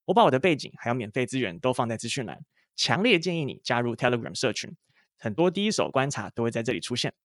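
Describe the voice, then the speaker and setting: Male podcast host, Taiwanese Mandarin accent, measured questions, mid pitch, dry close mic. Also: big pitch swings, no echo. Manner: measured, careful questions in English. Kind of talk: scripted intro, then interview questions.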